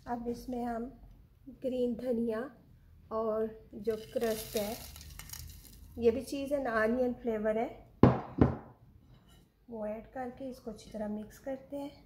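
Chatty higher-voiced woman cooking at home. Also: fairly even intonation, takes it slowly, pauses often, warm tone, slight background noise. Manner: chatty, addresses viewers directly, mixes in English words. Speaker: home cooking channel host. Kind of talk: step-by-step recipe demonstration.

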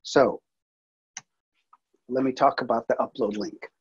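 Man, webinar presenter, casual and halting, raspy voice, muffled call audio. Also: medium pitch, steady tone. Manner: casual, halting, many fillers and restarts. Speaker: multimedia producer presenting. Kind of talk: webinar presentation over slides.

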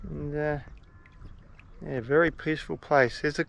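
An older Australian man with a relaxed, laid-back manner, chatting casually to camera as a travel vlogger outdoors. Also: on the high side, a little slow, creaky. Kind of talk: casual vlog narration to camera. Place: outdoors at bush campsites and lakeside.

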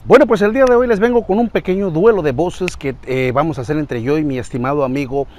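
Un hombre que presenta con entusiasmo y rapidez su video de imitaciones de voces. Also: male voice, on the high side, soft background music. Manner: fast, animated talk. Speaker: YouTube voice impressionist. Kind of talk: casual video host intro.

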